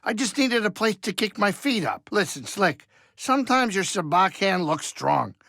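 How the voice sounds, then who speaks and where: A man's voice: high-pitched, very animated, moderate pace, vocal fry, sharp tone, no echo, clean studio sound, full character voice. A man voicing Greez's kind of video game figure, a grumbling but good-hearted alien pilot and saloon owner who banters in folksy wisecracks. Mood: chatty, then wry. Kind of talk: animated video game character dialogue.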